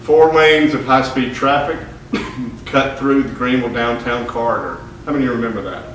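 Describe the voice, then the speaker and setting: A man giving a public history lecture, starting with halting, filler-laden anecdotes before moving into reading a prepared text. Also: medium pitch, fairly even intonation, fairly bright tone. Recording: echoey hall, distant mic, faint noise.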